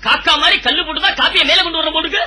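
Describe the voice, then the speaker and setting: A man playing a broke music teacher and squabbling husband, full of quick punning comebacks, in a comedy audio drama. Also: very high voice, sharp tone, exaggerated voice, low-quality recording. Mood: bickering.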